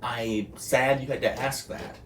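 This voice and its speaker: A young man hosting a casual podcast, cracking deadpan dark jokes. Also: mid-range voice, measured pace, a little hiss or hum. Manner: joking, deadpan dark humor. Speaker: podcast host. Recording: echoey room, distant from mic.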